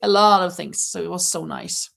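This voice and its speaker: Her voice is lowish, creaky, and fairly bright, at a moderate pace. She is a middle-aged woman running a casual crochet livestream from her Spanish home, often laughing as she reads comments from viewers.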